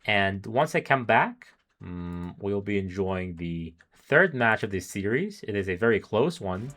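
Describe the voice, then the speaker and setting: A man's voice: on the low side, very animated, unhurried, a bit bright. A man doing live solo esports commentary, analytical and musing, chuckling between thoughts, his voice wearing thin. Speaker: esports caster.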